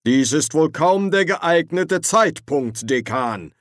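A man's voice: on the high side, expressive, slow pace, dry recording, clean studio sound, pitched above the performer's own voice. A man voicing a stern, blustering older male archchancellor wizard in an audiobook. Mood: stern indignant. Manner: stern, indignant.

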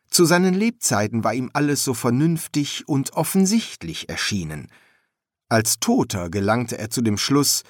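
Slow, expressive male audiobook narrator. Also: mid-range voice, no room sound, clean studio sound.

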